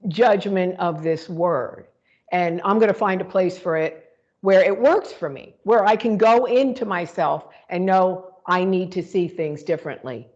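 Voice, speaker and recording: A woman with a fairly low, darkish voice co-hosts a casual spiritual talk show, reflecting aloud in a meandering way full of fillers and restarts. The highs in the recording are cut off.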